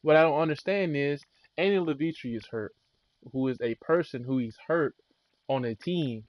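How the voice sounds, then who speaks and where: A man's voice: fairly high pitch, moderate pace, dry recording, lo-fi sound. A tired man livestreaming a casual, slangy sports recap and rant, peppering his talk with bro and man. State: tired after being up all night.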